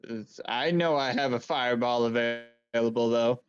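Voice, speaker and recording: A man's voice: medium pitch, normal speed, smooth, highs cut off. A man playing in a tabletop game, talking through his moves in a matter-of-fact, casual way. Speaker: player.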